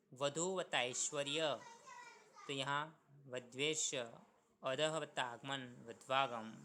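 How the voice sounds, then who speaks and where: A man with a fairly high, bright, forceful voice teaches a recorded Hindi grammar lesson for school, with a slight hiss or hum in the background. He moves slowly, repeating each sound and posing questions to his students that he answers himself.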